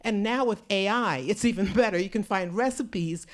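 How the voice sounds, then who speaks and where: A woman's voice: medium pitch, normal speed. Chatty woman speaking from the audience. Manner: meandering, chatty, laughs lightly. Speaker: audience member. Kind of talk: audience comment at a conference. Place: conference hall.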